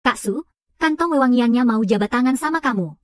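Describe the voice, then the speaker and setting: A woman's voice: a little high, animated, fairly quick, no room sound, clean studio sound, lightly acted. A woman dubbing a young female student in a drama, speaking in a pleading, indignant way. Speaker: female lead in a dubbed drama. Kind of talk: dubbed drama acting.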